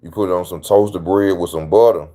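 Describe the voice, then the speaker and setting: A man's voice: low voice, steady tone, a little fast, warm tone. A man hosting his own channel, giving casual opinion commentary in a slangy, emphatic way that repeats his points. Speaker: channel host.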